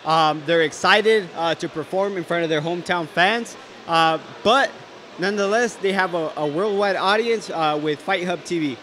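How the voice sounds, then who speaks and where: A man giving boxing broadcast commentary as a guest, in a hesitant, halting way. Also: sits high, fairly bright tone, a little hiss or hum.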